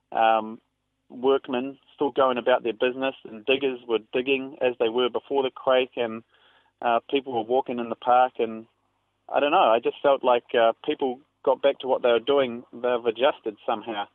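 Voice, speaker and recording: Over a tinny, narrow phone line, a male newspaper reporter gives a spontaneous eyewitness account in a telephone interview. His medium-pitched voice halts and hesitates, and there's no echo.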